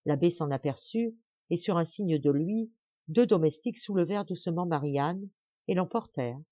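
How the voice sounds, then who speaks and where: A woman's voice: on the low side, normal speed, no echo, lo-fi sound. A woman narrating an audiobook of a classic novel with dramatic, varied intonation.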